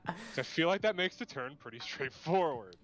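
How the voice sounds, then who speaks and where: Excitable young male card game caster. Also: a little high, moderate pace. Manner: excitable, chatty play-by-play, laughs often. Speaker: co-commentator.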